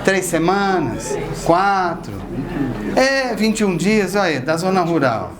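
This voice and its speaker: In the lecture hall of a spiritist association, a man gives a spiritual lecture in a conversational way, putting questions to his audience. His voice is high with lively intonation, and he speaks slowly over crowd noise.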